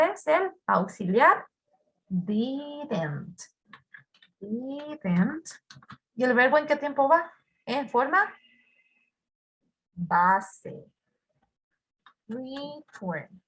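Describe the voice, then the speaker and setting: A woman teaching an English grammar lesson, patiently repeating words and quizzing her students. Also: sits high.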